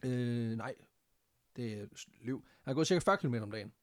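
A man's voice: medium pitch, animated, no echo, studio quality. A man casually telling a history story on a podcast, laughing often and swearing freely, with English phrases mixed in.

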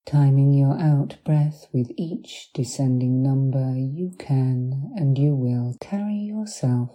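Very slow, low, soft hypnotherapist woman. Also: poor audio. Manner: soothing, deliberate, long pauses between short phrases. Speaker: hypnotherapist guiding relaxation. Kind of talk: guided hypnosis meditation, soft and partly whispered.

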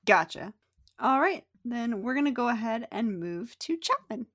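Female game master; higher-pitched voice, casual tabletop narration. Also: big pitch swings, a little slow, fairly bright tone.

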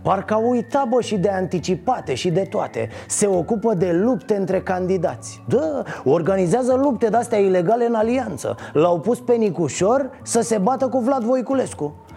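A man's voice: high-pitched, expressive, gravelly, warm tone, soft background music. A man hosting a satirical news show, delivering a mocking, sarcastic monologue.

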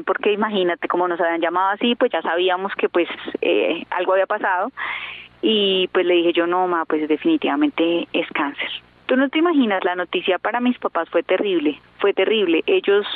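A woman's voice: mid-range voice, no room sound. A woman in her thirties, an interview guest, telling her personal story earnestly and hesitantly, with many fillers. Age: 30s. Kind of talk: emotional personal testimony. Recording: tinny phone line, dry.

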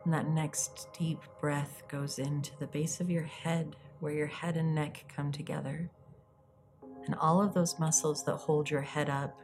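A woman hosting a guided meditation, speaking in a soft, breathy, soothing way with long pauses. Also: low voice, flat delivery, music in the background. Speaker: guided meditation podcast host.

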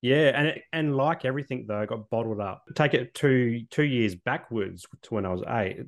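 Australian male guest, late 30s, low voice, earnest storyteller who restarts his phrases. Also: vocal fry. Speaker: podcast guest, social worker. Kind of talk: reflective personal storytelling.

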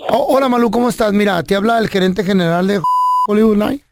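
A man hosting a radio comedy show, making a prank phone call in a deadpan, mock-businesslike manner. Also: high voice, fast. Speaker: radio prank caller and host.

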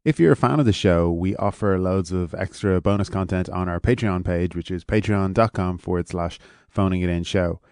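A man with an Irish accent hosting a podcast in a deadpan comedy interview style. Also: low-pitched, moderate pace, hardly any pauses, clear, resonant tone, dry recording. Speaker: podcast host.

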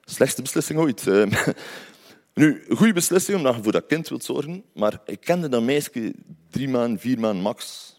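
A man's voice: mid-range voice, expressive, unhurried, a little mellow. A man from Ghent with a Flemish accent, telling a personal story in a conversational way with wry asides to his listeners. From Belgium, Ghent.

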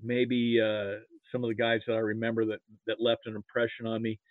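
Reminiscing casually about football, this Nebraska interview guest, who works as a sports history archivist, speaks in a lowish voice with a completely flat delivery. He rambles, hesitates, and repeats himself, heard through a dry recording with a narrow, telephone-like sound.

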